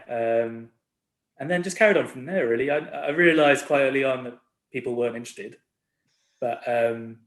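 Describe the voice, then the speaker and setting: A man's voice: mid-range voice, fairly bright tone. A man in his forties, a record label owner, chatting casually as a guest in a laid-back, rambling, self-deprecating way. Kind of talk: casual chat. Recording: roomy echo.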